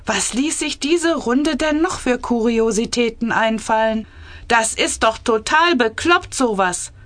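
A woman's voice: fairly high pitch, lively intonation, unhurried, no echo, voice pushed up. A nervous male minister scolding his colleagues in outrage, in a satirical audiobook, as a woman reads him. Dry and near. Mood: angry. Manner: angry, scolding.

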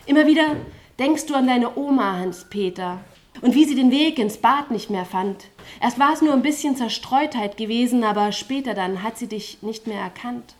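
A woman with a slightly high voice performs spoken-word poetry live on stage, without a microphone. Her delivery is rhythmic and chant-like. She breaks into stuttering, repeated refrains. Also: normal speed.

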